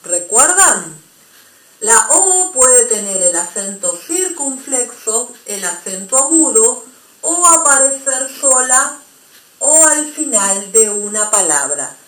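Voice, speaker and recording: Woman, language teacher, patient, unhurried delivery, slightly high pitch, reverberant room. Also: sing-song, a bit bright. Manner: slow, patient explaining, checks in with "¿mm?". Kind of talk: recorded online language lesson.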